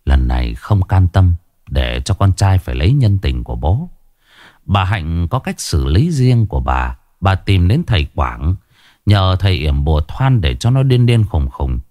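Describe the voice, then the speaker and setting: A man narrates a dramatic tale in a deep, lively voice that rises and falls with the story. The recording is dry and close, with faint music beneath. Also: measured pace, no room sound.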